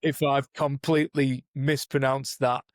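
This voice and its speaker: In a clean, dry studio recording, a man with a mid-range voice speaks in a level tone, a little slowly. He's a performance coach co-hosting a podcast, a native English speaker who thoughtfully and conversationally explains coaching methods, restarting sentences often and saying "you know" a lot.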